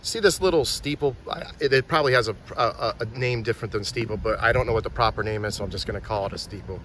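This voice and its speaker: A man's voice: on the low side, quick pace, a bit bright. Guy narrating a walking tour on his phone outside, chatty, keeps pointing stuff out, little bit of hiss behind. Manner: chatty, pointing things out, restarts often. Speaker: filming location tour guide. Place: outdoors and at shop windows in a small town. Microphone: handheld phone.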